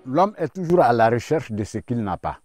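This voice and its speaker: A man's voice: mid-range voice, big pitch swings, moderate pace, darkish tone, faint music behind. A middle-aged man answering interview questions, hesitant with many fillers and restarts. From Ivory Coast. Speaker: park ranger and safari guide.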